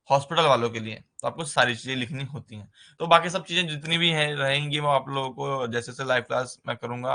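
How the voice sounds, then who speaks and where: A man teaching a nursing writing-exam lesson in a conversational way, often pausing with a filler and mixing terms into his speech. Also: medium pitch, pushed and bright. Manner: conversational, repeats "ठीक है" as a filler, mixes English terms into Hindi. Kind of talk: explaining exam basics in a recorded lesson.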